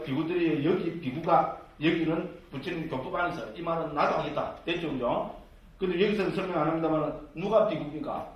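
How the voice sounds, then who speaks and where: A man who teaches Buddhist scripture as a monk, in a jokey, conversational way that is full of tag questions. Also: fairly high pitch. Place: lecture room with a live audience. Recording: echoey room from far off, faint hiss.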